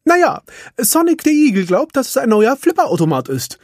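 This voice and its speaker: A man's voice: very high voice, sing-song, a little fast, dry recording, clean studio sound, voice pushed up. A man voicing a cheerful, affectionate male handyman in a storybook reading.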